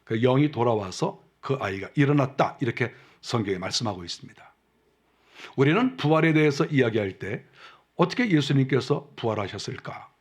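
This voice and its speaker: A male pastor preaching a sermon in a conversational way, full of rhetorical questions, and dropping his voice low and soft when he acts out quoted speech. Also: lively intonation, fairly quick, breathy edge. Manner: acts out quotes softly and lower.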